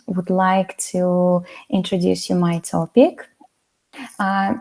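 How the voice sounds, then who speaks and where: Young woman, from Kazakhstan, academic webinar talk, earnest, lots of fillers, slight vocal fry. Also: mid-range voice, a little mellow. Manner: earnest, with frequent fillers and restarts. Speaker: doctoral student presenter. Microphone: video call.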